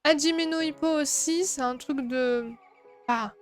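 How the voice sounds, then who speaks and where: A high-pitched woman in her twenties, talking to her stream while she crafts at home. She rambles in a relaxed, chatty way, laughs often and answers chat aloud. Soft music plays faintly behind her. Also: unhurried. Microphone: streaming microphone.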